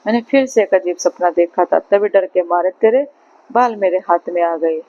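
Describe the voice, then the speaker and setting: A woman voicing a gentle but sly old foster mother in a storybook tale, speaking in a coaxing, soothing way, on a slightly muffled recording. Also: fairly low pitch, normal speed, no room sound, natural voice.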